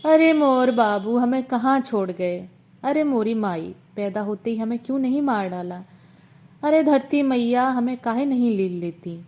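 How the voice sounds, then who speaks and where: A woman's voice: a little high, expressive, measured pace, a little mellow. A woman voicing a poor young woman who pleads and cries out in a raised, tearful voice. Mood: wailing.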